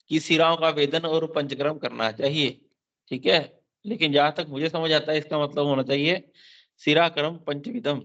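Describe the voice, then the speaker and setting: A man lectures on classical Ayurveda texts for exam students, working through Sanskrit verses one line at a time and mixing in English terms. His voice is bright and forceful, and he keeps checking in with the class as he repeats each key point. The recording sounds a little dull and lo-fi. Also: fairly high pitch. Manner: mixes in English terms, frequent "theek hai" check-ins. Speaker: Ayurveda teacher.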